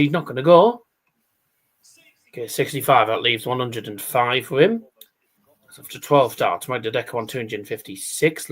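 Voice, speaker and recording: A man giving casual live darts commentary as a stream host, chatty and rambling, with scores called out like a darts caller. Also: mid-range voice.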